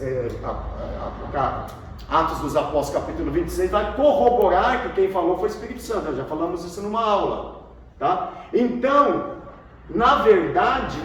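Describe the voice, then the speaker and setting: A Brazilian man with a fairly high voice teaches a theology class as a pastor, tossing questions to the room and repeating the answers back. He is heard from a distance in a very echoey room, with a faint hiss underneath. The pace goes back and forth between quick questions and slow, stressed quotes. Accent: Brazilian Portuguese. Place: large echoey room with students, from far off.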